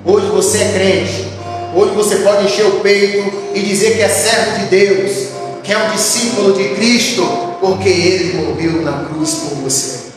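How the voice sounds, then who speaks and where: Man preaching a sermon, loud then soft, big echoey church hall with music going. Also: high-pitched, fairly even intonation, a little slow, distant mic. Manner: swings between loud preaching and quiet storytelling. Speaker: pastor. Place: church sanctuary.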